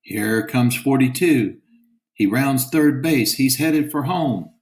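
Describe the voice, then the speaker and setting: A man voicing an excited male radio baseball announcer, calling the play emphatically and high. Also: slow, rough recording. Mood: announcing.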